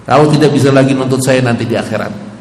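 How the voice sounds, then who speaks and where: A man voicing an elderly imam who speaks softly and tries to make peace, in a quoted story during a religious lecture. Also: medium pitch, fast talker, roomy sound, in a large hall, a little hiss or hum, pitched below the performer's own voice, lightly acted. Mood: conciliatory. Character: stern elderly male imam, gently conciliatory.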